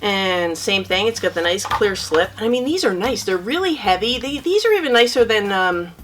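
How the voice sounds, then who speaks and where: A woman's voice: medium pitch, lively intonation, moderate pace, over music. A woman chatting casually to camera as she shows her monthly movie haul, rambling a little and correcting herself as she goes. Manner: chatty and rambling, with frequent ums and self-corrections. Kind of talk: casual unboxing chat to camera.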